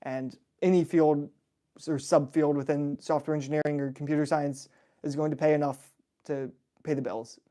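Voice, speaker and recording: A man's voice: a little high, steady tone, moderate pace, mellow. A young man hosting a casual livestream Q&A, reading out viewer questions and answering them in a chatty, laid-back way with frequent fillers and laughs. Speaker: host answering viewer chat.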